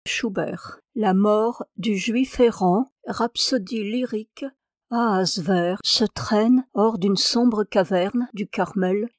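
A woman reading translated poetry aloud as an audiobook, in a measured, expressive literary narration. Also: mid-range voice, no room sound. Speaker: audiobook reader.

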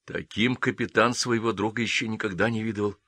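Low, bright-toned male narrator. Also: fairly even intonation, a little fast, no echo. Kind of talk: audiobook narration.

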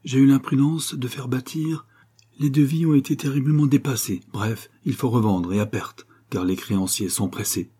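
A man's voice: medium pitch, moderate pace, mellow, slightly rough, voice pushed up, lightly acted. A man playing a troubled middle-aged painter father, talking lightly and reassuringly over his strain.

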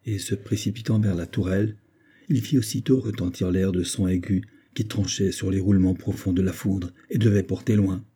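Guy reading an adventure novel aloud, really dark mellow voice, a bit husky. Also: low-pitched. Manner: steady measured reading. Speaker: audiobook narrator. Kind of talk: scripted narration.

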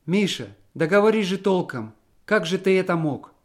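A man voicing a distressed young wife in a storybook reading, pitched well up, pleading and reproachful. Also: animated, moderate pace. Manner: high strained reproachful pleading.

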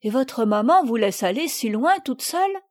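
A woman's voice: on the high side, expressive, normal speed, no room sound, clean studio sound. A woman voicing a good-natured grown country butcher in a storybook reading, talking in a folksy, hearty way.

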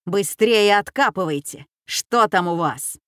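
A woman's voice: on the low side, measured pace, no echo, studio quality, lightly acted. A woman voicing a harsh, bossy old woman who leads a gang and barks orders. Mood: yelling. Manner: barking orders, shouting. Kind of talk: audiobook character voice.

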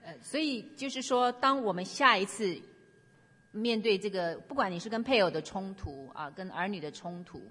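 Woman preacher, low husky voice, earnest testimony, echoey church hall. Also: normal speed, fairly bright tone. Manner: earnest, exhorting. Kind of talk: sermon with personal testimony. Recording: long hall reverb.

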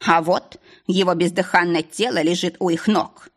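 A woman's voice: on the low side, steady tone, moderate pace. A woman voicing a sneering male royal secretary who reports a murder with cold mockery. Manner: sneering, dismissive.

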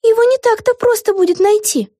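Woman doing a high earnest young witch girl. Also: a little fast, mellow, dry recording, studio quality.

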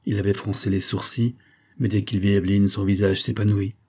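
A man reading a French novel aloud as an audiobook narrator, in a measured, literary way. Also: lowish voice, flat delivery, warm tone, husky. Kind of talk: scripted narration.

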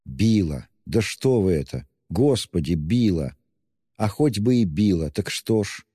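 A man's voice: low-pitched, lively intonation, measured pace, warm tone, husky, dry recording, studio quality, big-room sound, exaggerated voice. A man voicing a timid, pious young woman who pleads breathlessly in an audiobook reading. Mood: anguished pleading. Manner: pleading, breathless, wringing out words.

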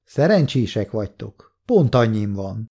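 A man voicing a gruff bearded giant trader. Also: on the low side, sing-song, dark tone, exaggerated voice. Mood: wary. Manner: blunt, terse dealer's talk. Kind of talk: audiobook character voice.

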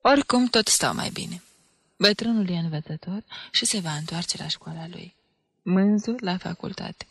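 A woman's voice: lowish voice, creaky, fairly bright tone, breathy edge, no room sound, heavily acted. A woman reading the lines of an ironic young male soldier in an audiobook. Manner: wry, ironic.

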